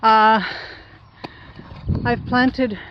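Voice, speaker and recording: Slow, halting woman outdoors. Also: a little high, level tone, dull audio, a little hiss or hum. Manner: slow, halting, many fillers. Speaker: homesteader showing her garden. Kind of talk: casual explaining to camera. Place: outdoors by a driveway.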